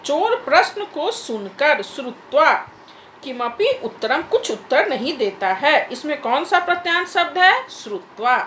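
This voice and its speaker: A woman's voice: high voice, sing-song, measured pace, fairly bright tone, roomy sound, a little hiss or hum, low-quality recording. A woman teacher leading an online class over a video call, patiently repeating corrections and calling on students by name.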